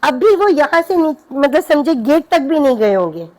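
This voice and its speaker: A middle-aged woman sharing a devotional satsang story with lively, heartfelt storytelling. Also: sits high, moderate pace, rough recording. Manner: lively storyteller, acting out her own pleading.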